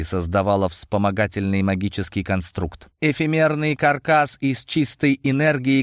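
Male audiobook narrator, low voice, steady, close and dry. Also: dry recording.

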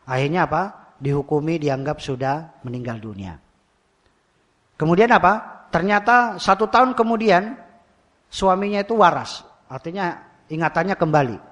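A man's voice: fairly high pitch, animated, normal speed, pauses often, a bit bright. A man with a Javanese Indonesian accent teaching a religious study class, often asking rhetorical questions and repeating key phrases. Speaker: Islamic teacher.

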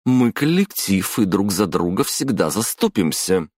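A man's voice: on the low side, big pitch swings, measured pace, darkish tone, no room sound, clean studio sound, pitched above the performer's own voice. A man reading a story, voicing a defiant young female office worker who talks sharply and venomously with a raised voice. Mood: indignant.

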